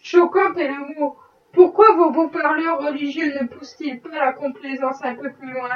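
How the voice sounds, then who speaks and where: Woman reading ironic gentleman, dry, mocking, distant mic, muffled sound. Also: sits high, steady tone, normal speed, natural voice. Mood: wry. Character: ironic wealthy Southern gentleman, a worldly skeptic. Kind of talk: audiobook reading.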